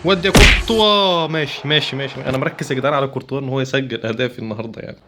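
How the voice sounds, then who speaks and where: A man with an Egyptian Arabic accent giving excitable commentary while playing a football video game, chanting player names in quick bursts. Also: medium pitch, noisy background. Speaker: gaming YouTuber. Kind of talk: live gameplay commentary.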